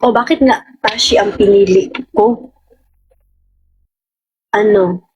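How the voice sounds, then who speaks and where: A woman's voice: mid-range voice, fairly even intonation, takes it slowly, darkish tone, husky, low-quality recording. A young woman with a Filipino accent, chatting casually on a livestream and rambling as she answers viewers' comments. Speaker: livestream host.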